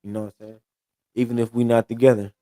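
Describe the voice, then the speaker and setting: A man's voice: mid-range voice, flat delivery, fast talker, mellow, no room sound. A man in casual podcast chat, rambling and repeating himself as he restarts his thoughts.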